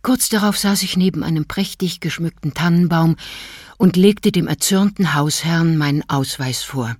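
A woman reads a story in an even, storytelling manner, her voice sitting slightly low. The recording is dry and close, with no room sound. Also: moderate pace, breathy edge, no echo. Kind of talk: scripted audiobook narration.

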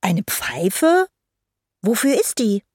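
A woman voicing a lively, cheeky little fairy girl in a storybook reading, with a high, bubbly voice. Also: quick pace, breathy edge, no echo, studio quality. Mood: curious.

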